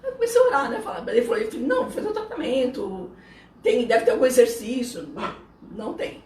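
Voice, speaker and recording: A middle-aged woman pastor with a Brazilian Portuguese accent and a voice left rough by vocal cord damage. She tells her testimony as a guest, in a lively, laughing way with many tag questions. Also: on the high side, fast talker, far from the mic. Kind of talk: casual testimony in conversation. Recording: roomy sound, speaker away from the mic, faint noise.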